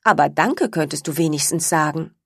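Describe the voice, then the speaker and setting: A woman's voice: low-pitched, moderate pace, creaky, husky, no echo, studio quality, heavily acted. A woman voicing a friendly, kind baker woman in a children's storybook. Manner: friendly, mildly surprised.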